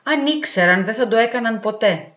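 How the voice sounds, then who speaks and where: A woman's voice: on the high side, expressive, a bit bright. Woman reading as an eager young man. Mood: earnest. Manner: eager, hurried. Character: eager young male student, earnest. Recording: roomy, dull, with faint music.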